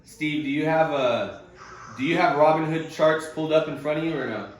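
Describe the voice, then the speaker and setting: Slightly high-pitched and brisk, a man explains things to a group on a conference call, keeping it casual with slang such as "bro" and "bud." The low-quality recording carries heavy reverb and a little hiss or hum.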